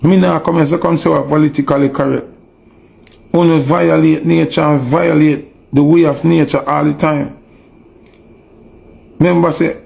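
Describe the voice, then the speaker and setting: A man's voice: on the high side, gravelly. A Jamaican man delivering a preachy, emphatic rant to camera, firing off repeated rhetorical questions. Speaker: online commentator. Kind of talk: ranting monologue.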